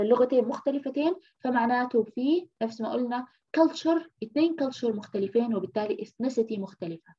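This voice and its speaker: This is a university lecture by an Egyptian woman whose voice is on the high side with a breathy edge. She patiently goes over the material, repeating important terms and asking "okay?" along the way, captured on a muffled, lo-fi recording.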